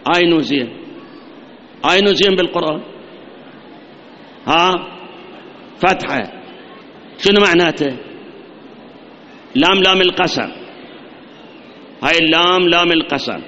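A man's voice: fairly high pitch, normal speed, pauses often, bright, forceful tone, in a large hall, a little hiss or hum. A man with an Iraqi Arabic accent preaching a sermon in a teacherly way, putting rhetorical questions to the audience. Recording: dull lo-fi recording.

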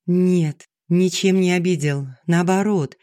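A man reading an audiobook, voicing a gentle, soft-spoken aging schoolteacher who talks earnestly to her friend. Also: high voice, fairly even intonation, slow pace, dry recording, studio quality. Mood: tender. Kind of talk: audiobook dialogue.

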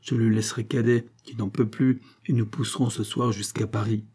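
A man reading aloud as a gruff, bossy farmer who talks in loud, blustering bursts. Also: fairly low pitch, level tone, normal speed.

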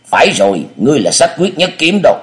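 A man's voice: a little high, sing-song, fast, pitched above the performer's own voice. A man voicing a scheming old male sect elder who coaxes and commands. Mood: coaxing, commanding. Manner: commanding, coaxing.

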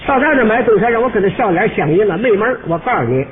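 A man playing a brash, rude male shop clerk, talking in a scornful, sharp-tongued way in a comic monologue. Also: sits high, expressive, rapid-fire, crowd noise. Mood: boastful. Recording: tinny old radio recording with faint hiss.

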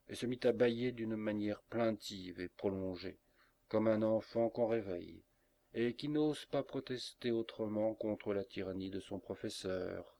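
Audiobook narrator: man, lower voice, steady expressive storytelling. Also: vocal fry. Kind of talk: scripted narration.

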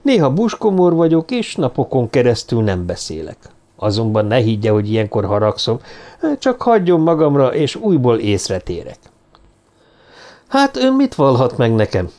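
Brisk eccentric detective, lively and sure of himself, a man voicing him in an audiobook, pitch rising and falling. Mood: candid. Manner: lively, self-assured, slightly fussy. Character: Sherlock Holmes, brisk eccentric male detective. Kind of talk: audiobook character reading.

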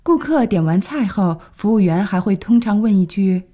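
Woman, radio teacher, scripted lesson, lively intonation, clear translating delivery. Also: mid-range voice, moderate pace. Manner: clear explaining, translating each phrase.

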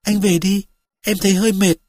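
Reader doing a frail young woman, soft and tender, husky, dry close sound. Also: medium pitch, flat delivery, brisk, dry recording, voice pushed up, lightly acted. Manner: soft, pleading and intimate.

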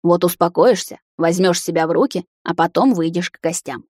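A woman voicing a calm older male vampire uncle who tries to soothe and reason. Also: fairly low pitch, moderate pace, slightly rough, no room sound, studio quality.

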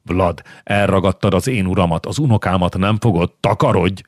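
A man voicing a fierce, scolding old grandmother in an audiobook, shouting threats. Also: deep voice, no room sound, studio quality. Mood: threatening. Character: fierce old grandmother, burly furious matron. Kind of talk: audiobook character reading.

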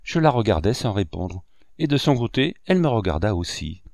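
Low-voiced man reading a story expressively. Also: brisk, gravelly, dry recording, clean studio sound. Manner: animated storytelling. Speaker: audiobook reader. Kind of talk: expressive reading of a classic novel.

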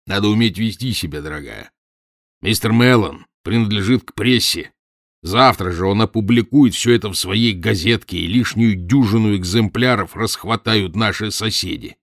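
A man voicing a gruff, domineering professor who grumbles and mocks in a low, booming voice, in an audiobook. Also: moderate pace, a bit bright, no echo, studio quality. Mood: gruff mocking. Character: gruff domineering mocking middle-aged professor. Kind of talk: audiobook character voice.

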